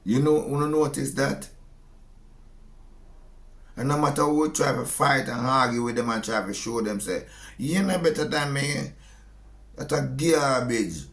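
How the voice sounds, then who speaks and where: A man with a Jamaican accent delivering a slow, preachy monologue. He stresses his points and often repeats phrases. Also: mid-range voice, fairly bright tone, reverberant. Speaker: speaker giving a monologue.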